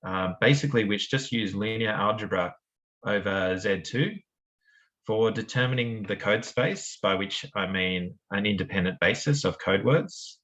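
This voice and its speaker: This man speaks at a fairly low pitch with a touch of brightness, captured in a rough recording. He's a lecturer delivering an amiable seminar talk in a heavy Australian accent, often restarting sentences and using fillers.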